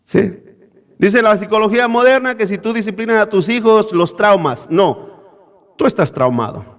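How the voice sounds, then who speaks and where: Pastor, male, very high voice, preaching in a big reverberant church, keeps asking the flock questions. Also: lively intonation, normal speed. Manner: preaching with rhetorical questions to the congregation. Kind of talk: sermon. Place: church hall. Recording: echoey church hall.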